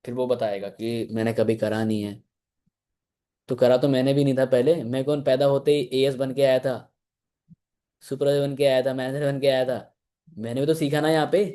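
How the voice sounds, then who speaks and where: A young man giving a casual sales training talk, acting out both sides of pitch conversations and often checking in with his listeners. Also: fairly even intonation, a little fast, dark tone, smooth. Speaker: sales team mentor.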